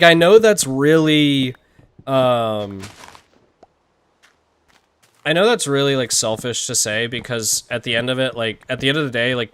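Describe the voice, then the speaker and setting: A man's voice: medium pitch, fairly bright tone, clear, resonant tone. A man live-streaming a game, rambling and chatting with viewers, often laughing and tripping over his words. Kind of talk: live-streamed gameplay chat.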